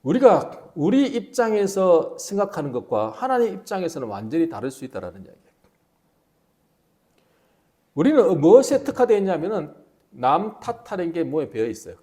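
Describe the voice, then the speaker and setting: A man's voice: high voice, normal speed. A male pastor delivering an expository sermon, storytelling animatedly and asking the congregation rhetorical questions. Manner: animated storytelling, acting out dialogue in quoted voices.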